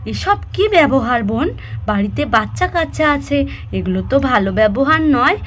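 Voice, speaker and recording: A woman's voice: high-pitched, expressive, normal speed, a little hiss or hum. A woman voicing a caring village mother and sister-in-law in a doll cartoon, soothing and earnest.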